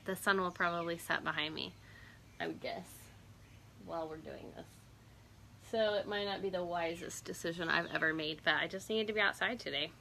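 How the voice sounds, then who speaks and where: A woman's voice: lowish voice, brisk, gravelly, pushed and bright, a little hiss or hum. A woman hosting a casual live stream outdoors on a porch, chatty, greeting viewers by name and laughing often.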